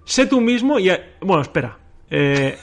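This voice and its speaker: A man with a somewhat high voice, ribbing his co-host in casual podcast banter. He talks in playful, teasing bursts. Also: sing-song, normal speed.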